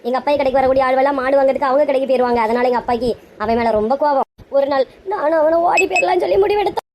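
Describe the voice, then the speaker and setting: A woman's voice: high voice, very fast, a little mellow, a little hiss or hum, natural voice. A woman playing a brash, melodramatic middle-aged mother in a comedy skit, bossy and scolding, with a Kanyakumari Tamil accent.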